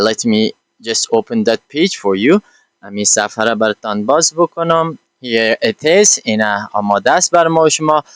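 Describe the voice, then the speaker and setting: A man with an Afghan accent teaching an English lesson. He says each line slowly and carefully in English, then translates it quickly, with frequent fillers. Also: mid-range voice, fairly bright tone, smooth, no echo.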